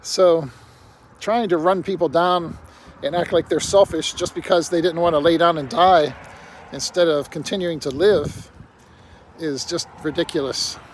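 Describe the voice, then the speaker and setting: A man's voice: on the high side, fairly even intonation, measured pace. Blunt, rambling older man outdoors. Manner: blunt and rambling, with frequent "you know". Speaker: vlogger. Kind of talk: casual monologue. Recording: faint outdoor traffic noise.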